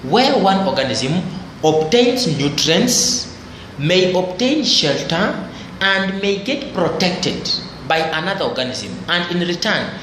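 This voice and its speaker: A man's voice: on the high side, a bit bright. Man teaching biology in an echoey room. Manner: repetitive explanatory teaching, phrases restated for emphasis. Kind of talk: biology lecture. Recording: very echoey room, faint background noise.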